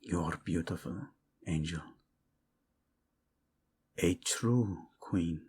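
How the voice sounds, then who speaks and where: A voice actor plays a passionate, protective royal devoted to his queen in a romantic audio drama spoken to the listener. His low, darkish voice draws out words, sounding intimate and commanding yet tender and teasing, with Spanish endearments mixed in. A faint hiss or hum is audible.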